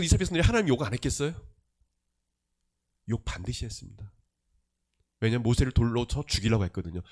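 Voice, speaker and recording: Animated Korean pastor preaching a sermon. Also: male voice, medium pitch. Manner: emphatic, rhetorical questions, swings between loud and soft.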